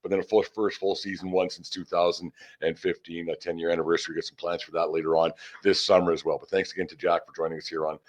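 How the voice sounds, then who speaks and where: Low in pitch and barely moving in tone, an older man talks fast with hardly any pauses as he hosts a baseball team podcast. His casual sports chat and interviews are folksy and rambling, and the sound is dull and band-limited.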